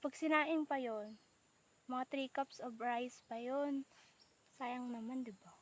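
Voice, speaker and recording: A woman's voice: sits high, fairly even intonation, slow. A young woman chatting playfully in a casual outdoor vlog by rice fields, joking and teasing as she talks. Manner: chatty, playful, mixes Tagalog and English. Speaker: vlogger.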